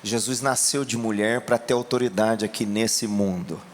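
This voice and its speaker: A Brazilian man preaching a sermon, telling a testimony in a colloquial way and rising to shouts. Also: on the low side, steady tone, moderate pace, slight background noise. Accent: Brazilian Portuguese. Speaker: pastor.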